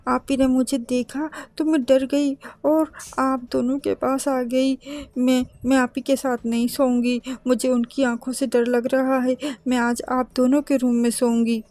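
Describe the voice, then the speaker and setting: A woman's voice: high-pitched, little pitch movement, darkish tone, no echo, natural voice. A woman voicing a scared little girl in a horror story, speaking in a raised, anxious voice. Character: scared little girl telling her father.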